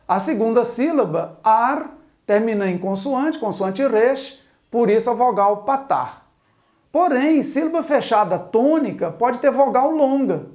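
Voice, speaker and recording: A woman's voice: on the high side, darkish tone. A woman teaching a Biblical Hebrew grammar lesson at a chalkboard, methodically spelling out letters and vowels one by one. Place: classroom with a chalkboard.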